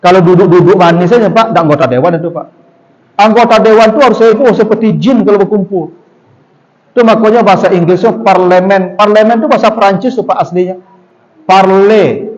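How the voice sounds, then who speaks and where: A man's voice: high voice, quick pace. A male preacher, speaking straight to his listeners with rhetorical questions and repeated refrains. The sound is dull and muffled, with a long reverb hanging around every phrase. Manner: lively, rhetorical, addresses audience directly. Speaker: Islamic preacher. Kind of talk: sermon.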